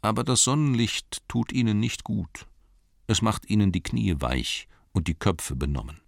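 A man with a very low voice reads a fantasy storybook aloud as an audiobook narrator. His delivery is expressive, and he briefly voices the characters. The sound is close and dry, with no room around it. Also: normal speed, vocal fry, no room sound.

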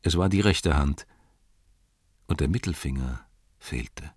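A man narrating a fantasy audiobook in an expressive storytelling manner. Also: rumbling low, slow, slightly rough, no echo, clean studio sound.

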